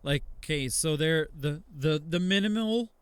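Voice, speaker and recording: Brief: argumentative, teasing podcast co-host, smooth clear voice, dry close mic. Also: male voice, fairly high pitch, animated, normal speed, dry recording. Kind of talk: casual beer podcast chat.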